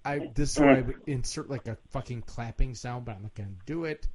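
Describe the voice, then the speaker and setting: A man's voice: mid-range voice, fairly quick, crowd noise. A drunk man with hiccups hosting a casual podcast, rambling crudely and swearing heavily. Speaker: podcast host. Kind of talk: casual profane podcast chat.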